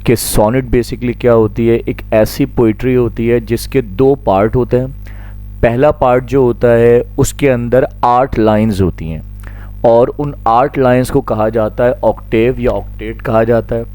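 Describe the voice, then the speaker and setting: A man's voice: medium pitch, steady tone, measured pace, mellow, soft background music. A man giving a classroom lecture that explains a poem. He is patient, repeats his points, and asks questions that he then answers himself. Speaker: teacher.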